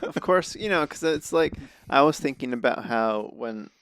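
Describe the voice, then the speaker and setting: A man hosting a podcast, asking curious, halting questions in a casual interview. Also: medium pitch, lively intonation, fairly bright tone, smooth, no echo, studio quality. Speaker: podcast host.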